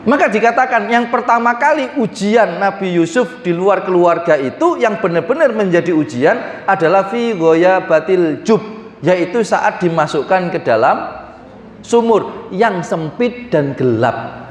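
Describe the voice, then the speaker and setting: A man preaching a sermon with an East Javanese accent, lively and joking, often acting out little voices and speaking straight to the audience. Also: high voice, unhurried. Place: hall. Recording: echoey hall from far off.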